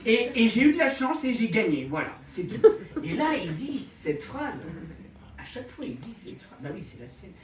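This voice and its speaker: A man's voice: very high-pitched, big pitch swings, normal speed, a crowd in the background. A male stand-up comedian at an open-mic improv night, telling a rambling, self-interrupting story and often laughing at his own lines. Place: small comedy venue stage. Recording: roomy, distant, audience noise. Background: audience.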